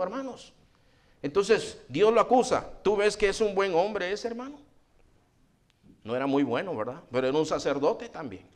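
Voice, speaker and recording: A male pastor preaching a sermon with fervent conviction. He speaks in a somewhat high voice, firing rhetorical questions and calling out to his listeners as brothers again and again.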